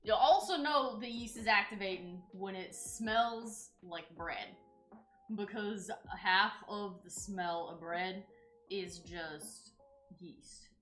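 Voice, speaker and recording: Bright-voiced woman with a Southern drawl. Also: mid-range voice, takes it slowly, soft background music. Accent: Southern US, exaggerated for a viewer redeem. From North Carolina, US. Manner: chatty, answers chat and thanks followers, thinks aloud while working. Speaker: live streamer. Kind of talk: casual live-stream chat while cooking. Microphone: wearing headphones.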